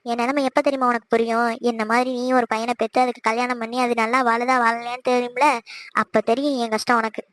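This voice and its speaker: A woman's voice: a little high, level tone, quick pace, fairly bright tone, no room sound, voice pushed down, close to an everyday voice. A woman voicing a worried, talkative middle-aged mother in a cartoon, scolding and dramatic. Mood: fretful. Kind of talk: cartoon voice acting.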